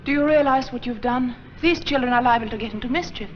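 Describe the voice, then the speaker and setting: Proper young nun, gently reproving, acted by a woman; dull 1940s film sound with light hiss. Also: a little high, fast talker, lightly acted. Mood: earnest. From Sweden, raised in Minnesota. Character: earnest, proper young nun running a school. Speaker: nun heading a school.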